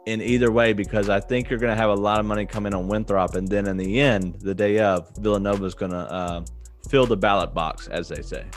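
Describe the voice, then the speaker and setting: A man's voice: fairly low pitch, fairly even intonation, brisk, faint music behind. A man co-hosting a casual sports betting podcast, playful and confident, with jokey asides. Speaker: podcast co-host and betting analyst.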